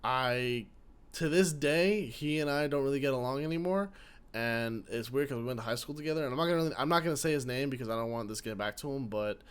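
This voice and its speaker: Young male vlogger, mid-pitch voice, casual rambling storytime, animated delivery. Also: quick pace, clean tone. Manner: rambling, many fillers and restarts; animated, swings between loud and mumbled. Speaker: vlogger telling a work story.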